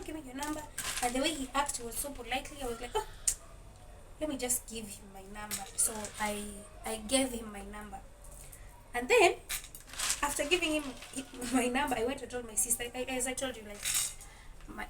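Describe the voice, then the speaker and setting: A young woman chatting in a casual storytelling vlog, mixing Swahili words into her English and laughing often. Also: high voice. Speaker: vlogger. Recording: distant mic with clear kitchen noise. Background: dishes and cutlery clinking.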